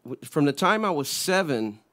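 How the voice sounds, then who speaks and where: A man's voice: a little high, sing-song, normal speed, a bit bright. A man in the band telling a childhood story casually and animatedly, acting out the people he quotes. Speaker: band guitarist.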